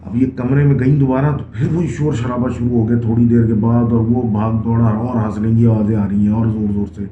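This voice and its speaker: A man's voice: mid-range voice, little pitch movement, hardly any pauses, dark tone. A man casually narrating a ghost story in a conversational way, often mixing English phrases into his speech. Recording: echoey, tinny phone-like sound with faint hiss.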